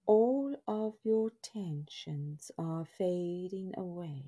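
A woman guides a relaxation in a hushed, breathy half-whisper with a husky softness. Her voice is lowish and very mellow. She speaks in soothing, drawn-out phrases, leaving pauses between them. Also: animated. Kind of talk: scripted guided body scan meditation in a soft, breathy half-whisper.

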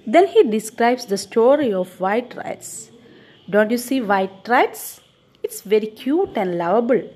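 Slow, lively-voiced woman teacher retelling a story. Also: a little high, breathy edge. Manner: expressive, quizzes listeners with questions.

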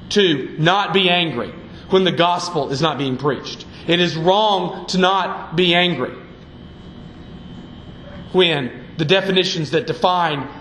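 A man's voice: a little high, a bit bright, echoey room, a little hiss or hum, low-quality recording. A man preaching a sermon from the pulpit, fiery and emphatic. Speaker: pastor. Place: church sanctuary.

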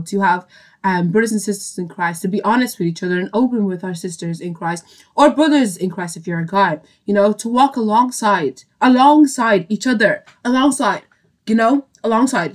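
Chatty young woman reflecting on faith. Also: a little high. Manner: chatty, repeats phrases, asks "do you know what I mean". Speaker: podcast host.

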